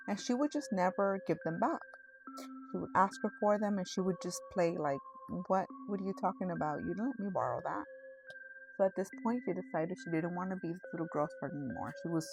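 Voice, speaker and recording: Creaky-voiced woman telling spooky stories. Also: mid-range voice, low-quality recording. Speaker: storytime host. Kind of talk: casual spooky storytelling to camera.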